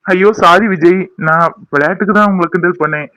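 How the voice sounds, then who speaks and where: A friendly young husband in a cartoon drama teases and reassures his pal, talking quickly in a fairly high voice. A man acts him out. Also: sharp tone, smooth, no room sound, muffled recording. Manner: teasing, reassuring.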